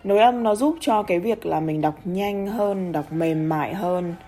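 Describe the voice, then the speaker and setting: A woman teaching English pronunciation in an audio lesson, explaining briskly and reading example sentences slowly and carefully. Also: lowish voice, dark tone, low-quality recording.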